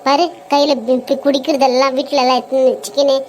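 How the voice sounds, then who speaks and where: A woman's voice: sits high, little pitch movement, quick pace, darkish tone, slight background noise. A woman voicing a struggling, weary mother in a cartoon story, speaking earnestly and sometimes tearfully.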